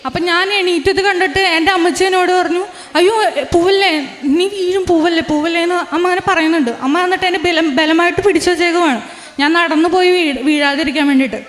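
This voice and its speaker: A young woman with a very high voice gives an earnest religious testimony, retelling what happened and often breaking off to restart a sentence. Her words ring out with a long reverb, as in a large church hall. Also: fast, a bit bright. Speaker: testimony giver.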